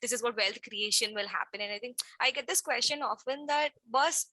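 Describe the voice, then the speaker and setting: Bright-voiced young Indian woman co-hosting. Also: a little high, fairly quick, dry recording. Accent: Indian English. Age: late 20s. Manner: conversational, leans on "you know" fillers. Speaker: podcast co-host. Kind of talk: casual podcast conversation.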